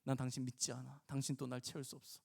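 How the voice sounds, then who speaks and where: A man voicing a sharp-tongued, guarded Samaritan woman who retorts defiantly. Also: mid-range voice, completely flat delivery, fast talker, gravelly, pitched below the performer's own voice.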